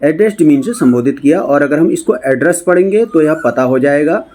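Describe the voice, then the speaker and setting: A man with a fairly high voice teaches an English lesson. He reads newspaper lines aloud slowly, word by word, then explains them and talks straight to his viewers. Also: lively intonation, warm tone. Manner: addresses viewers directly.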